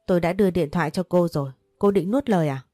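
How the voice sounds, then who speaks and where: Desperate young mom pleading urgently, woman reading it, low mellow tone, dry. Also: fast, no room sound, lightly acted. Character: desperate protective young mother.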